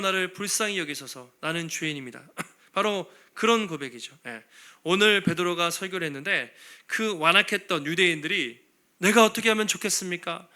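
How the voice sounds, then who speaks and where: A man preaching a Sunday sermon as a pastor, animated and laughing lightly between phrases, acting out the cries of biblical figures. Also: a little high. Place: church sanctuary.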